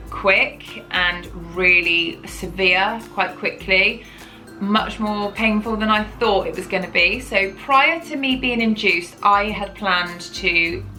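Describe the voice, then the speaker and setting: A woman's voice: medium pitch, bright, forceful tone, poor audio. A woman, telling her own story to camera in a chatty, rambling way, often correcting herself. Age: 30s. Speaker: parenting vlogger.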